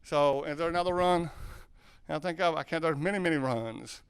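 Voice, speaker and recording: A man from southern Ohio who teaches sign language gives a loose talk, correcting himself and putting questions to his audience. His voice is fairly high, smooth, and moderately paced.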